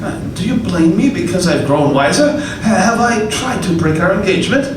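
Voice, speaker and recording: An actor playing Ebenezer Scrooge, an older miser who stammers and hesitates, in a live radio play. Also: male voice, sits high, lively intonation, normal speed, noisy background. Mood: pleading. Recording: echoey hall recording from far off.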